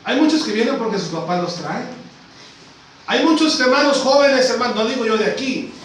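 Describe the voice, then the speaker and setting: A man preaching with a very high voice for a man, keeps calling out to the brothers, and swings between loud bursts and low, hushed lines. He is heard from far off in a strongly echoing church. A faint hiss runs under the recording. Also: expressive, moderate pace. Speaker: missionary preacher. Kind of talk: Spanish-language church sermon. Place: church sanctuary.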